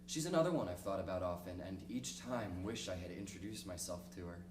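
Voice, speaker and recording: A man reads a dramatic one-act play monologue as a lonely, cynical middle-aged diarist, reflective and rueful with halting pauses. His voice sits low yet animated, carrying a wistful, longing mood. Captured from audience distance on a small theater stage, the recording is distant and echoey with a noisy hum.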